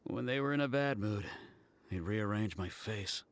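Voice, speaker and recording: A man voicing a courteous male antique supplier in a game cutscene, measured and salesman-like. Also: fairly low pitch, natural voice. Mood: grateful. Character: grateful male antique supplier, polite merchant.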